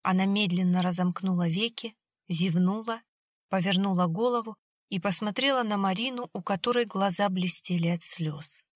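A woman reading an audiobook in an even, measured scripted narration. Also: mid-range voice, dry recording, studio quality.

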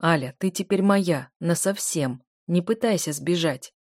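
Woman reading a calm, possessive man. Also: on the low side, unhurried, dry recording, clean studio sound. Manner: level, unruffled delivery. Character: calm possessive adult man, firm lover.

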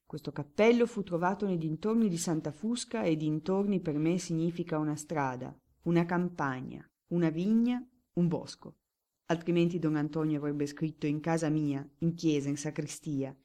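A woman's voice: low-pitched, moderate pace, mellow. A woman voicing a dry, suspicious lawyer who speaks with emphatic courtroom oratory, in an audiobook reading. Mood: declaiming.

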